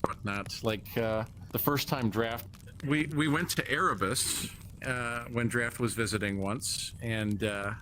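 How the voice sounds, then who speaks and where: A man's voice: mid-range voice, measured pace, background noise. A man from Michigan chatting casually and rambling with many fillers. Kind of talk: casual chat.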